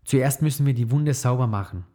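A man reading the lines of a calm, caring mother in a storybook, slow and patient. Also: medium pitch, natural voice.

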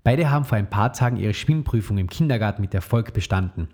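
A man narrating a children's story aloud in a steady, clear read-aloud manner. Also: on the low side, fast.

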